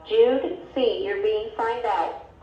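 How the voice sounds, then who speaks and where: A woman making a slow, formal school announcement over a PA loudspeaker. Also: a little high. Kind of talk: public address announcement. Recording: echoey, muffled PA loudspeaker heard from across a room.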